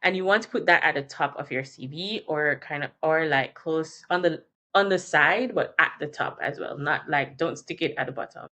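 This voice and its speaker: Bright and forceful, her low voice moves at normal speed as this Jamaican career and relocation advice presenter explains things conversationally. She grew up speaking Jamaican Patois and English, and she repeats key terms and corrects herself as she goes.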